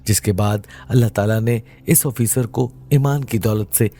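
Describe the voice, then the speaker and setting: A man with a lowish, warm voice reads a scripted religious moral story, narrating earnestly and dramatically while addressing his listeners directly. Music plays in the background.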